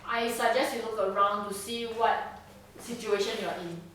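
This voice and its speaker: A woman's voice: a little high, steady tone, normal speed, fairly bright tone, slight background noise. A woman narrating a tabletop game as game master, chatty and casual, often checking in with her players. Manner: casual, chatty, frequent laughs and "okay?" checks. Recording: roomy echo, distant mic.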